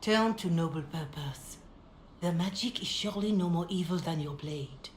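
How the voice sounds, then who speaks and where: An actress playing a calm, compassionate middle-aged holy mother in a fantasy video game, speaking in a measured, gentle, solemn way. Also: fairly low pitch, close to an everyday voice. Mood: soothing, firm. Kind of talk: dramatic video game dialogue. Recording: roomy echo, background ambience noise.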